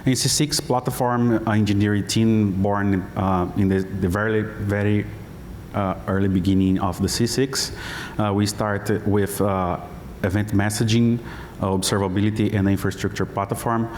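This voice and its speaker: Brazilian guy on a conference panel, deep monotone voice, lots of uhs, hall echo. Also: moderate pace, a little hiss or hum. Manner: hesitant, many fillers, non-native phrasing. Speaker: head of platform engineering, panelist. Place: conference stage. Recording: hall reverb with faint ambience.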